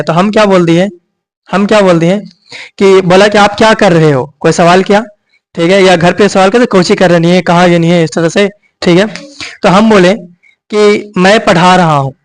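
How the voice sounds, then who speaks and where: In a grammar lesson, a coaching teacher speaks in a high, light, lilting male voice with a steady tone. He keeps firing questions at his students and answering them himself, checking their understanding at nearly every point with frequent "ठीक है" and "यही ना."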